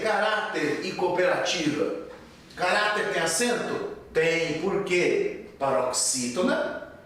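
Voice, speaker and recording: Older teacher in an echoey room. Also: male voice, fairly high pitch, a bit bright, distant mic. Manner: explanatory, asks and answers his own questions. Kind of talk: recorded Portuguese grammar lesson.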